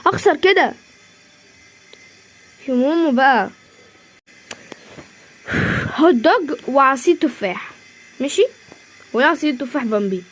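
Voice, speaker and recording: A woman with an Egyptian accent performing every part in a homemade drama series, quickly switching between the characters' voices with lively delivery. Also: high voice. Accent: Egyptian Arabic. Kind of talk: homemade role-play drama.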